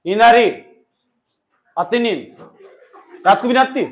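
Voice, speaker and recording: A man's voice: very high-pitched, a little slow. A male teacher, quizzing and teasing students in a classroom lecture. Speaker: grammar teacher.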